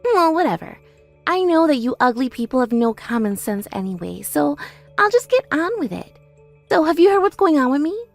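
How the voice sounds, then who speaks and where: A woman's voice: high-pitched, big pitch swings, normal speed, creaky, faint music behind, exaggerated voice. A woman playing a boastful, mocking older sister in her thirties in a scripted audio story, with a haughty, taunting manner. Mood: smug. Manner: haughty, taunting, self-praising.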